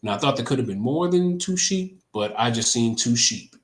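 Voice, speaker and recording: A man on a casual faith chat show, telling about a dream in a halting way with many ums and restarts. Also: medium pitch, lively intonation, roomy sound. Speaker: co-host.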